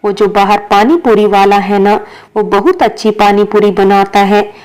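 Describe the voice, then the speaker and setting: A woman's voice: mid-range voice, little pitch movement, moderate pace, darkish tone, close to an everyday voice, low-quality recording. A woman voicing a playful, sulking young female employee in a storybook reading, with a childlike, insistent manner.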